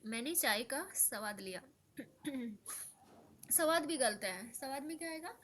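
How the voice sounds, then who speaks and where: A woman's voice: high voice, expressive, a little slow, fairly bright tone, a little hiss or hum. A young woman teaching Hindi spelling, patiently repeating each word as she explains a practice paper, sleepy late at night and mixing in English words. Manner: mixes in English words and phrases.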